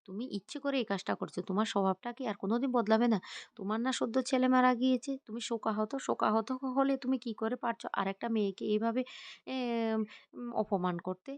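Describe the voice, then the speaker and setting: A woman's voice: on the high side, a little fast, a little mellow, no echo, lightly acted. A woman voicing a stern elder brother who heads the household and lectures in a scolding tone.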